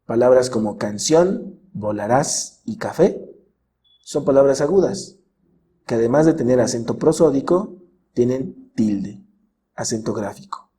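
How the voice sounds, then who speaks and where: A man narrating a scripted grammar lesson as a teacher, in a measured way, drawing out the example words slowly. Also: medium pitch, lively intonation, dark tone, breathy edge. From Mexico.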